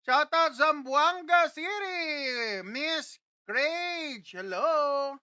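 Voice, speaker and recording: A woman hosts a casual live stream from a studio, greeting viewers by name one after another and tasting dishes on camera. Her voice sits high and bright, and she speaks at an unhurried pace. The sound is dry and close, with no room echo. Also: expressive.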